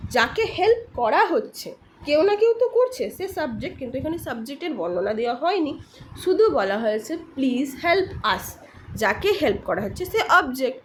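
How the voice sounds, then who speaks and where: A woman teaching spoken English to beginners, explaining step by step and answering her own questions, with the English example sentences said very slowly for learners to repeat. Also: high-pitched, sing-song, slight background noise.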